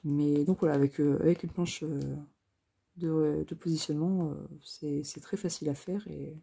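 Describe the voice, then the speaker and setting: A woman's voice: deep voice, steady tone, moderate pace, creaky, dark tone, slightly rough. A woman chatting casually and rambling through a crafting haul, with many fillers and self-mocking asides. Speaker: crafting vlogger.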